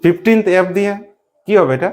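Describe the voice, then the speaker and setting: In a classroom lesson, a teacher with a medium, slightly mellow voice keeps asking the pupils the same questions and offers quick praise for correct replies.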